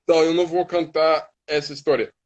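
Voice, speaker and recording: A hip hop artist with an American accent, native in English, talks casually as a live-stream guest, pausing and restarting words as he searches for Portuguese. His slightly high, slightly mellow voice has fairly even intonation, and the recording is muffled.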